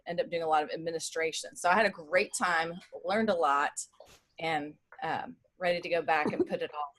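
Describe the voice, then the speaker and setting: A woman in her forties, a Spanish teacher, chatting casually on a video call with lots of fillers. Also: fairly low pitch. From Dallas, Texas. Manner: friendly, chatty, many fillers.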